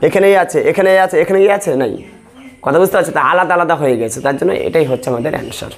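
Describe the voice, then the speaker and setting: A man's voice: on the high side, fast. A male math teacher leading a classroom lesson, asking questions and repeating the answers step by step. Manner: repetitive call-and-response questioning.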